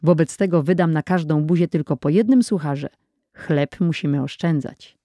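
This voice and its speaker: A narrator voicing a calm, sensible older brother in an audiobook, speaking steadily and reassuringly. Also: mid-range voice, normal speed, no echo, lightly acted. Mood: steady. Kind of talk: audiobook character voice.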